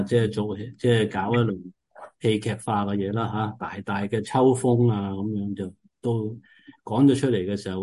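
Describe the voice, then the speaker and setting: A man preaching in an earnest, explanatory way as he leads a Bible study, often stopping on drawn-out filler sounds. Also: on the low side, mellow. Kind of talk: Bible teaching sermon.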